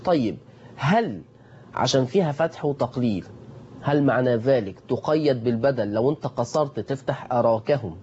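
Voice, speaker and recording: A man with an Egyptian Arabic accent teaches a tajweed lesson on Quran recitation, posing questions to his class, answering them himself, and repeating each rule. His mellow, dark, mid-range voice is expressive at a moderate pace, on a dull recording with a faint hiss.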